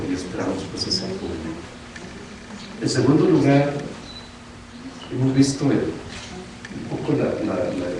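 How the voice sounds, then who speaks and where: Low-voiced man speaking from afar in an echoing hall. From Costa Rica. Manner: earnest, deliberate, with pauses and restarts. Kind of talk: formal address at a meeting. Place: large meeting hall. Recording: echoey room, distant mic, noisy.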